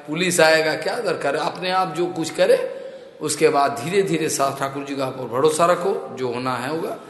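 Animated preacher man in an echoey hall. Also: on the high side. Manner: animated storytelling, rhetorical asides. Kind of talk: Hindi religious discourse. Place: temple hall. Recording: echoey hall with long reverb.

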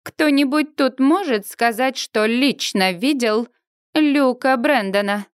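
A woman's voice: high-pitched, takes it slowly, smooth, dry recording, clean studio sound. A woman reading an audiobook, voicing a bossy, spiteful young bride who shrieks accusations. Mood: scornful.

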